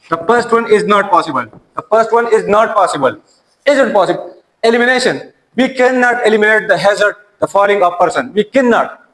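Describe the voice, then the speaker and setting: A man's voice: sits high, fairly bright tone, poor audio. A man, an Urdu speaker, teaching a classroom lecture and often repeating and restarting his words.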